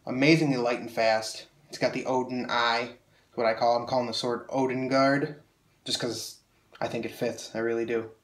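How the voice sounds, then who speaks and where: A young man whose voice is slightly nasal from a cold enthusiastically reviews a sword from his collection, speaking at medium pitch, in a level tone and at a moderate pace. His talk is casual and rambling with lots of fillers. He's in a small indoor room full of swords, caught by a camera mic several feet away, so the sound is roomy and echoey.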